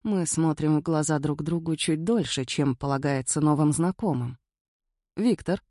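A woman reading a first-person story aloud as an audiobook narrator, unhurried and smooth. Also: sits low, mellow, no room sound, studio quality.

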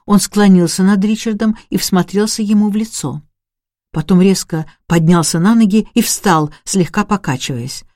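A woman reading an audiobook in a measured storytelling manner, close to the mic. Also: medium pitch, a little mellow, dry recording. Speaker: audiobook narrator.

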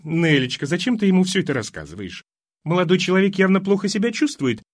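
A man doing a fussy elderly mother who chatters on in a high, fluttering voice that swoops up and down. She rambles and stresses every word, recorded close and dry for an audiobook. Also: big pitch swings, fast talker, no echo. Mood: fussing. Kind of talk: audiobook character voice.

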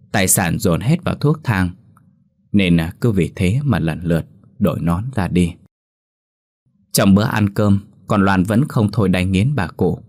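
Deep-voiced storyteller. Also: male voice. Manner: steady, expressive storytelling. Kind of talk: ghost story narration.

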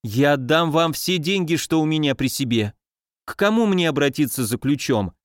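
A timid, frightened housekeeper woman begging to be let out, as a male reader puts her on. The voice is raised and lively, in a dry close recording. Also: fairly high pitch, moderate pace, no room sound, close to an everyday voice. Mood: pleading. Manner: timid, pleading. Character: frightened middle-aged woman, housekeeper, pleading.

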